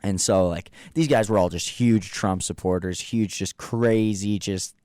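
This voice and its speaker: Lively young man telling a story. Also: lowish voice, unhurried, dry recording, studio quality. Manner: animated, mocking storyteller who acts out others' voices. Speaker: radio show host. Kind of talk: casual storytelling chat.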